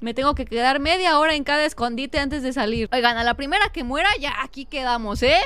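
A young Mexican-accented woman streams a game with high-pitched, bright, piercing energy. She talks dramatically and panics easily, often yelling at the screen. Her commentary is casual and theatrical. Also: fast, clean tone, dry recording. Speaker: gaming streamer. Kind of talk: live gameplay commentary.

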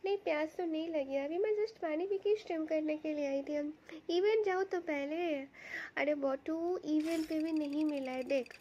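A woman streamer chatting casually with her live chat, greeting viewers by name and reading their messages aloud, her voice a little hoarse from a cough. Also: high-pitched, moderate pace, mellow, a little hiss or hum. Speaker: game streamer. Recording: dull lo-fi stream audio.

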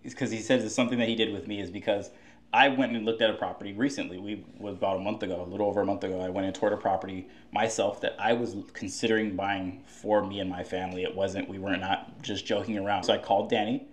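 A man's voice: lowish voice, flat delivery, quick pace. A man hosting a casual interview, conversational and a bit sarcastic, with many fillers.

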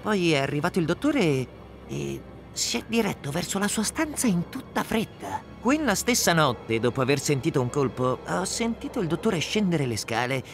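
An actor dubbing a fussy, talkative boarding-house landlord in a game. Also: male voice, fairly high pitch, very animated, moderate pace, gravelly, soft background music. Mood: chatty. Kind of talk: Italian game dub.

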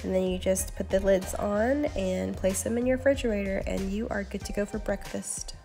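A woman hosting a cooking channel, talking through recipe steps in a relaxed, instructive voice-over. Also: medium pitch, moderate pace, gravelly. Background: faint background music.

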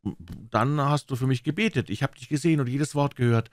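A man performs an eager boy telling a story to his aunt, pitching his voice above his natural one while staying near an everyday register. The pitch is medium and the pace a little fast. It's a clean studio recording with no room sound.

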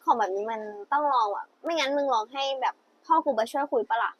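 A woman's voice: high-pitched, quick pace. A young woman playing a blunt, supportive best friend. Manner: blunt casual slang, encouraging. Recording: dull lo-fi.

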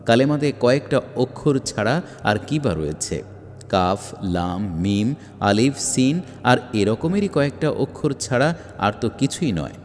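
A man reading a religious book aloud in a measured, emphatic way, with rhetorical questions. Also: mid-range voice, very animated, slight background noise. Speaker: audiobook reader. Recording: long hall reverb.

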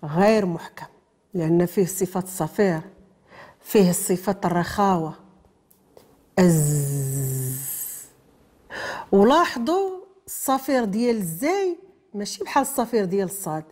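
A woman's voice: medium pitch, lively intonation, brisk, a little mellow, slightly rough. A woman with a Moroccan accent teaching a lesson on how a letter is pronounced, asking questions and then answering them herself, mixing formal terms with everyday speech. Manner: explains step by step, asks and answers her own questions. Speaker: tajweed teacher.

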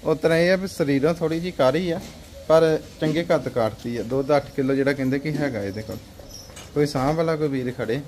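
A young man with a Punjabi accent hosting a casual livestock sale video in a farm cattle shed, asking brisk questions. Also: fairly high pitch, a little mellow, slight background noise.

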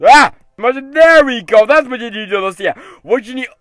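A man hosts an excitable video game commentary, exclaiming at and scolding the game character, often tacking "though" onto his sentences. His voice is very high, his pace moderate, and there's no echo.

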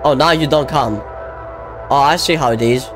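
A young man giving casual, excitable let's-play commentary, often yelling at the game. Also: medium pitch, moderate pace, music in the background. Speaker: gaming video creator.

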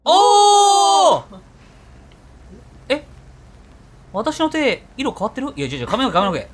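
Excitable Kansai man with lively pitch. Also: fast, breathy edge. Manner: excitable, jokey, reads game text aloud. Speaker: game streamer. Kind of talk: let's play commentary.

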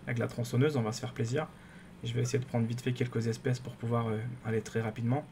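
A man giving casual, rambling commentary on his game, excitable and full of fillers and restarts. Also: medium pitch, quick pace, background noise. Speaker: gaming YouTuber.

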